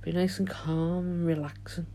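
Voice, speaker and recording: A man leads a guided meditation in a soft, hushed, soothing voice, leaving long pauses as he goes. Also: a little high, flat delivery, slight background noise. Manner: soothing, gentle, drawn-out delivery with long pauses. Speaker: podcast host and meditation guide.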